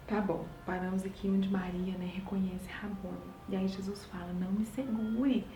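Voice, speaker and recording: A woman reading scripture aloud at home and breaking off into expressive, exclamatory asides to her listeners. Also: mid-range voice, normal speed, a little hiss or hum. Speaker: Bible study leader. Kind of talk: devotional Bible reading with commentary. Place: home at night. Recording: roomy, distant mic, faint ambience.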